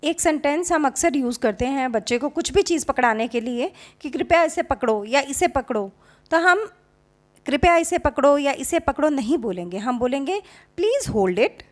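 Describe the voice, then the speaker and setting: A woman giving a home-teaching lesson as a YouTube teacher, mixing Hindi with English words. She talks deliberately and repeats model sentences. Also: sits high, expressive.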